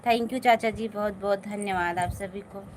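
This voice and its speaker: A woman's voice: medium pitch, steady tone, moderate pace, slight background noise. A woman hosting a casual live stream, reading viewers' comments aloud and answering them, still recovering from an illness.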